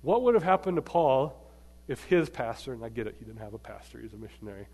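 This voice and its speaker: A man preaching a sermon to a live congregation, emphatic, swinging between loud bursts and quiet asides and quizzing the audience. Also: mid-range voice, expressive, quick pace. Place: large church hall. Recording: long hall reverb.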